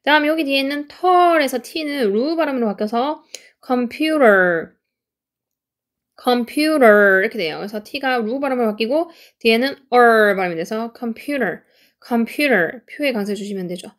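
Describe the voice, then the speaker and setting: A woman teaching an English lesson in Korean, patiently explaining pronunciation and repeating example sentences slowly. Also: on the high side, expressive.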